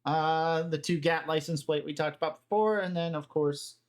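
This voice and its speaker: A man giving casual behind-the-scenes commentary about props, halting with fillers. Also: a little high, fairly even intonation. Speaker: prop master commentator.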